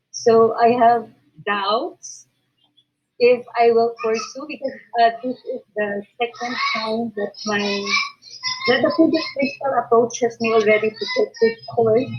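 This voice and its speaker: A hoarse woman with a Filipino accent, a teacher sharing her experience on a video call, speaking haltingly with many fillers. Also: on the high side. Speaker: teacher sharing in an online course. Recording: dull lo-fi video call audio.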